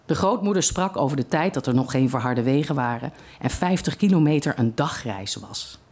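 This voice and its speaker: A reader telling a short story aloud at a literary evening in a steady, measured way. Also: mid-range voice.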